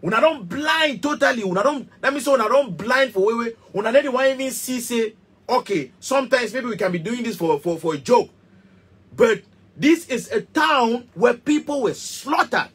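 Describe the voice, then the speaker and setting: A Cameroonian musician in his thirties, accented in Pidgin English, rants to camera in a small studio with passion, emphasis, repetition, and gestures. His voice is extremely high, fairly bright, and breathy at the edges, with lively intonation at a moderate pace.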